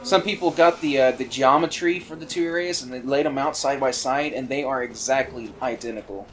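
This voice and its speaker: A man giving casual, rambling commentary on a video game he is playing, full of fillers and excited asides. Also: mid-range voice, brisk, a little hiss or hum. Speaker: let's play commentator.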